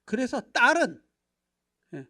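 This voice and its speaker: A middle-aged man leads a lively seminar from a church pulpit. He keeps checking in with the congregation and acts out everyday dialogues. His volume swings from hushed asides to loud, emphatic bursts. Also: very high-pitched, takes it slowly. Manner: animated, acts out dialogues, constant rhetorical check-ins. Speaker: pastor. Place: church sanctuary.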